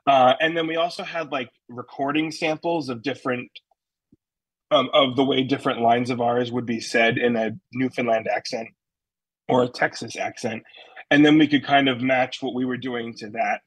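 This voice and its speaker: A man with a New England accent answers interview questions about his stage work, rambling easily with many ums and restarts. His voice has a husky, slightly breathy edge, and it sounds close and dry with no room around it. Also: medium pitch, fairly even intonation, normal speed, no echo, rough recording. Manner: chatty, many fillers and restarts. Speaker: stage actor, interview guest.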